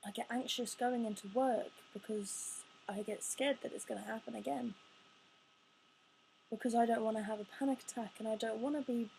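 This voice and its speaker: A woman in her twenties talking about her own life in a halting way, restarting phrases, her words sometimes coming out in a rush. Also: fairly high pitch, fairly even intonation, vocal fry, darkish tone, a little hiss or hum, poor audio. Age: 20s. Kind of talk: personal confessional talk.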